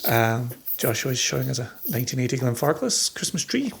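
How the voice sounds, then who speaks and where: A man's voice: mid-range voice, sing-song, fairly quick, vocal fry. A man hosting a casual interview podcast. He chats freely, laughs easily, and restarts his sentences often. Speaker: podcast host.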